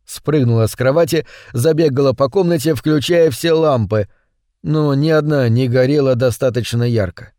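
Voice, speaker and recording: A man narrating a scripted horror story in a measured, suspenseful way. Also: mid-range voice, dark tone, no echo, studio quality.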